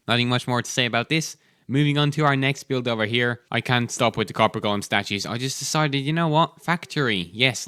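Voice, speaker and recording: A man's voice: medium pitch, bright, forceful tone, smooth, no room sound. A man hosting gameplay commentary, chatty and enthusiastic, talking while chewing gum. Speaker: host.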